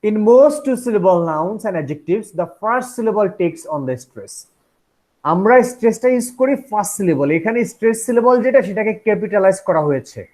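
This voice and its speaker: A man's voice: sits high, animated, normal speed, a little mellow. A man teaching an English phonetics class, switching between Bengali and English and often asking whether the students follow. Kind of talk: classroom lecture.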